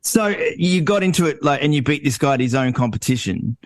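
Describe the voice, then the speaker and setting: A man's voice: on the high side, lively intonation, brisk, dry recording. An Australian man hosting a casual interview, asking questions in an informal conversational way. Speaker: interview host.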